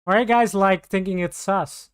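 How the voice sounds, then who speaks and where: A woman's voice: mid-range voice, steady tone, normal speed, clean tone. A woman streamer chatting casually on a live stream, rambling and restarting her sentences. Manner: rambling, scattered, with many restarts.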